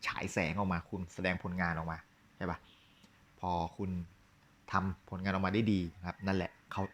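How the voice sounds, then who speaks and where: Thai basketball coach guy, lowish voice, blunt and sweary pep talk. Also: level tone, normal speed, a bit bright. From Thailand. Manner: blunt and coarse, repeats polite "na khrap" tag. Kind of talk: motivational talk to camera.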